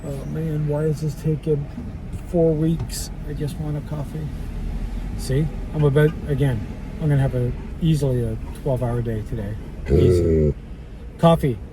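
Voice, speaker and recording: A man's voice: on the high side, fairly even intonation, normal speed. A man chatting casually to the camera and his dogs about a day of dog rescue work. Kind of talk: casual vlog chat. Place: in his car and outdoors. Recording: noisy car and outdoor ambience.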